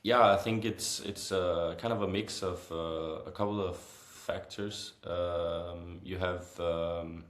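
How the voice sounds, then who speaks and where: A young man from Copenhagen, Denmark, a football goalkeeper, speaks as an interview guest in a low, very flat, unhurried voice with a Danish accent. He answers casually, pausing often with hesitant fillers, and the sound is roomy and echoing.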